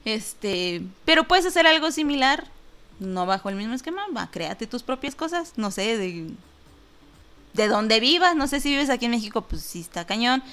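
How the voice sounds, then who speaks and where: A woman's voice: fairly high pitch, big pitch swings, normal speed, fairly bright tone, soft background music. Laughing, chatty Mexican woman host. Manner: chatty and joking, lots of fillers and laughter. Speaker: host of an online talk show. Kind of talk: casual chat reading out listener comments.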